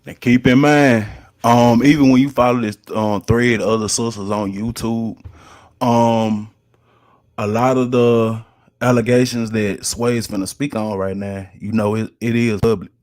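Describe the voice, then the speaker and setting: A man's voice: mid-range voice, fairly even intonation, measured pace, darkish tone. A man giving casual online news commentary, hesitant with many fillers.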